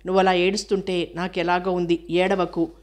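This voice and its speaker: A woman reading the part of a shy, awkward young woman who consoles hesitantly and softly. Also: on the low side, little pitch movement, moderate pace, lightly acted.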